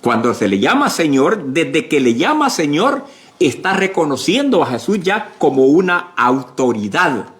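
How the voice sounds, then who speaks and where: A male pastor preaching a sermon slowly and emphatically, with many fillers and repeated words. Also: on the high side, sing-song, fairly bright tone.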